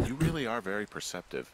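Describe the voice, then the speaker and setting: A dry, reserved fire lookout in a video game, answering in understated lines. His voice sits very low yet swings widely in pitch. Clear noise runs underneath him.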